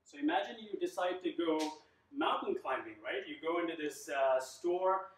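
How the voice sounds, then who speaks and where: A man in his thirties telling a personal story as he teaches a class, animated and full of rhetorical questions to his listeners. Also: fairly high pitch, moderate pace, a little hiss or hum. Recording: echoey room, mic at a distance.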